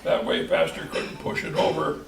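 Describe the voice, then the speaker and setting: An older man telling unhurried, folksy stories about building a church, with small restarts as he speaks at a church event. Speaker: charter church member. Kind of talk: reminiscing speech at a church event. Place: church hall. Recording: echoey hall, distant mic, noisy.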